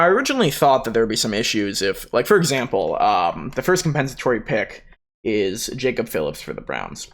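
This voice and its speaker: A man's voice: mid-range voice, fairly bright tone. A man giving casual, rambling commentary on a video game, informal and sweary. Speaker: gaming commentator.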